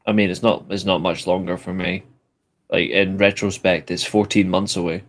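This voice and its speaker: A man's voice: low voice, little pitch movement, moderate pace. A man, chatting casually on a podcast in a blunt, joking way and swearing freely. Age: 20s. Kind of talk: casual chat.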